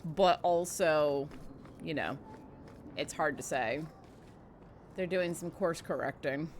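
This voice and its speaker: A woman's voice: low voice, takes it slowly, a little hiss or hum. A woman casually commenting while playing a game, chatty and wry, now and then swearing. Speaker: let's play streamer.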